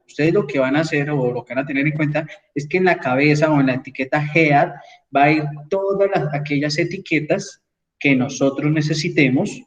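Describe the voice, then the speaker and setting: A man's voice: a little high, distant mic. Man teaching a class over a dull mic. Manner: explanatory, frequent "¿sí?" checks with students. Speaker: engineering lecturer. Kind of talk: online class with screen sharing.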